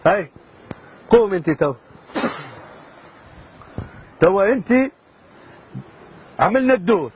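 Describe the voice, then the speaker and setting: A man's voice: high-pitched, lively intonation, slow pace, pauses often, a little mellow, lo-fi sound, a little hiss or hum. A man, a hidden camera prankster who coaxes his victim with repeated reassurances. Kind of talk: coaxing, then apologetic.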